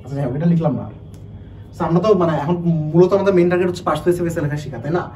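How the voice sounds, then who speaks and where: An English teacher preparing students for admission tests lectures online at high speed, his fairly high, mellow voice looping through restarts and rhetorical questions. The distant mic yields a low-quality recording with a faint hum.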